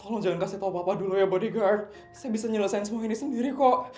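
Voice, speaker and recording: A gentle, heartbroken schoolgirl voiced by a man who speaks in a soft, high, pleading voice. The room echoes, and light music plays in the background. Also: quick pace, close to an everyday voice. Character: heartbroken teenage girl, gentle and loyal.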